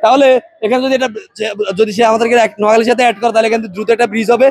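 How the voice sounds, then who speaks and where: A man's voice: very high-pitched, level tone, very fast. A man from Noakhali speaking with a Noakhali Bengali accent in a street interview, arguing hard, repeating himself and checking that listeners follow. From Noakhali, Bangladesh.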